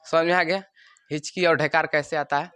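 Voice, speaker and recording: A man teaching a science class, animated and joking, acting out the parts of the body as little characters and checking again and again that the students follow. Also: fairly high pitch, moderate pace, smooth. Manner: keeps asking if students understood. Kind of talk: classroom lecture.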